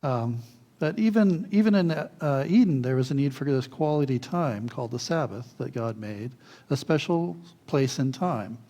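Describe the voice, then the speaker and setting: A man preaching a sermon, telling childhood stories in a lively way, often chuckling and acting out what people said. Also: medium pitch, moderate pace. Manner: animated storyteller, chuckles often, acts out quotes.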